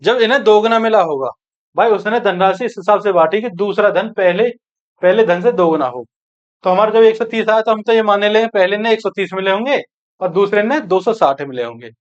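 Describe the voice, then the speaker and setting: A man with a high voice leads an exam-prep maths class. He works through each calculation aloud, quizzing the students and answering himself, and calls them friends and brothers. The sound is dull and muffled. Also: a little fast. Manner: talks through calculations aloud, asking and answering his own questions. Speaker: maths teacher.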